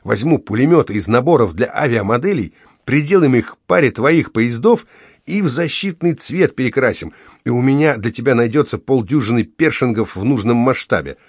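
A man voicing an excitable young male friend who gushes eagerly. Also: medium pitch, slightly rough, no echo, studio quality, pitched above the performer's own voice. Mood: excited. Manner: excited, rushing.

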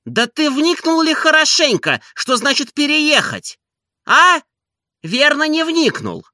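A man reading an audiobook and voicing an irritable, idle gentleman who scolds his servant in an exasperated tone. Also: very high-pitched, wildly swooping pitch, slow pace, dry recording, studio quality, voice pushed up, exaggerated voice. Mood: scolding. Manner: exasperated, petulant.

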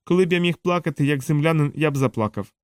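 A man voicing a gentle, timid male alien robot who pleads in a hurt, higher voice. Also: quick pace, no echo, clean studio sound, natural voice. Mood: sorrowful. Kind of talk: audiobook character reading.

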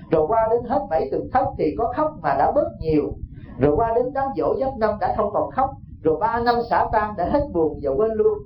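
A man's voice: high-pitched, a little hiss or hum. A man with a Southern Vietnamese accent giving a Buddhist dharma talk in a folksy way, often putting questions to his listeners. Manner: folksy, keeps asking the audience questions. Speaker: Buddhist monk teacher. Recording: echoey, dull hall recording.

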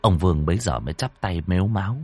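A man narrating a ghost story in an expressive, dramatic storytelling manner. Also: sits low, fast. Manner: expressive, rising and falling storytelling. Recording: dry close mic with faint music.

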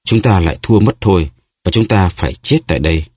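A man's voice: sits low, a little fast, darkish tone, husky. A man voicing a grave, proud musketeer. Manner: grave, formal. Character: grave wounded male musketeer, proud and calm.

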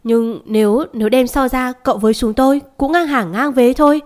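A woman's voice: on the high side, lively intonation, brisk, darkish tone, close to an everyday voice. A woman voicing a poor, timid old nanny who stammers through an indignant outburst.

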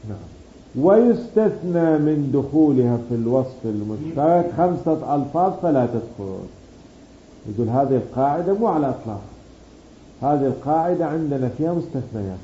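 Dark-voiced man teaching grammar. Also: fairly high pitch. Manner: explains patiently, stretches key words, asks and answers himself. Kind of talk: grammar lesson explaining a text. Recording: dull roomy recording with faint background hum.

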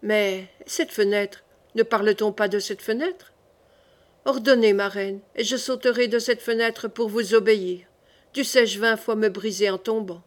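A woman's voice: mid-range voice, fairly even intonation, measured pace, lightly acted. A bold young nobleman, read by a woman. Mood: gallant. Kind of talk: audiobook reading.

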